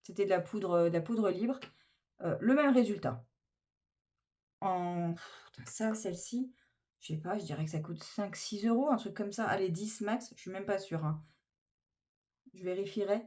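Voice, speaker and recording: A woman's voice: medium pitch, normal speed, mellow. Beauty vlogger lady, chatty and gushy, talking through her makeup. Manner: chatty and enthusiastic, gushing over products. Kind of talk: casual makeup tutorial chat.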